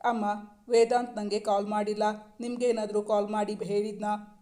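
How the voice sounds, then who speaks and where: Woman narrator doing a devoted young mother; earnest, anxious, flat delivery. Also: mid-range voice, moderate pace, lightly acted. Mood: worried pleading. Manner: pleading, worried.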